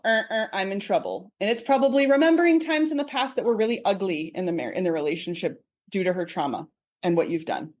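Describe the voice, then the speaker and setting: A woman in her forties, a psychotherapist guest, explaining in a chatty, animated way and laughing often. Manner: animated, acts out quoted voices with big pitch jumps. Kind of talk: casual expert explanation in a podcast interview.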